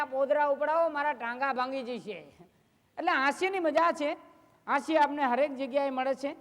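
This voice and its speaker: Man, high voice, live comic storyteller, long hall reverb. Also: a bit bright. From Gujarat, India. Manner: chatty anecdotal storytelling, acting out neighbours' questions. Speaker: folk comedy storyteller. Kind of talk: live stage comedy storytelling. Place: live stage show.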